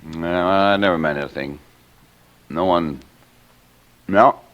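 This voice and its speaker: In this old-time radio drama from the 1940s or 50s, an actor voices a middle-aged dad who is good-natured and playfully formal, turning stern when someone nags him. The mood is content and teasing, the pacing measured and jokey. His voice sits low, and the recording sounds muffled.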